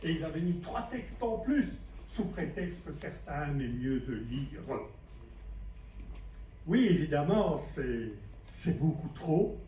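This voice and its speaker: A man's voice: a little high, sing-song, slow, dark tone. A man from Belgium giving a conference lecture to teachers, chatty and self-mocking, often asking the audience questions. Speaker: conference speaker. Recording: echoey hall, distant mic, faint noise.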